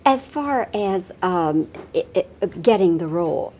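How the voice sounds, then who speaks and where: A woman's voice: fairly low pitch, lively intonation, slow, mellow, slight background noise. A woman interviewer asking friendly, chatty questions in a conversational interview. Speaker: entertainment interviewer.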